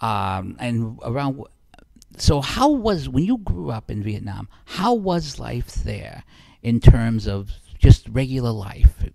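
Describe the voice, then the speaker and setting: A friendly man in his fifties hosts a conversational interview, often restarting his questions. His mid-range voice is gravelly and mellow, with a slow, sing-song delivery.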